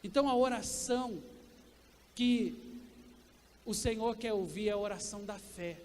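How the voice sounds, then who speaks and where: A Brazilian man preaching a sermon as pastor, asking the congregation questions and swinging between loud and quiet. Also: very high-pitched, big-room sound. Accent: Brazilian Portuguese. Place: church sanctuary.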